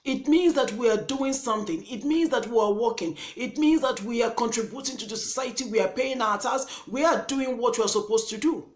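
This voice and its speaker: A woman's voice: fairly high pitch, brisk, few pauses. A young woman with a Nigerian accent speaks straight to camera in an earnest, indignant monologue, often repeating and restarting her words. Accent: Nigerian English. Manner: passionate, indignant. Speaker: vlogger. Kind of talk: impassioned vlog monologue.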